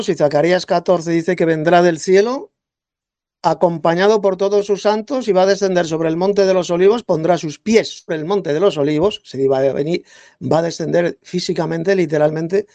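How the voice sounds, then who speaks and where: A man's voice: on the high side, brisk, warm tone, no echo. A man arguing scornfully in a heated religious debate, lecturing his opponent. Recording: dull lo-fi dry recording.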